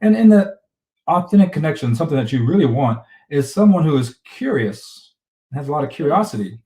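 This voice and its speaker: Fast-talking energetic man in an echoey room. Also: on the high side. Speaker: relationship coach. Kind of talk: casual conversational talk show.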